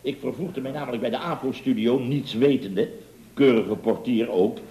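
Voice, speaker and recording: A man's voice: mid-range voice, normal speed, mellow, reverberant, natural voice, low-quality recording. An actor playing a pompous, boastful middle-aged contractor boss in a 1960s radio comedy, rambling through his stories. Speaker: boss of a building firm.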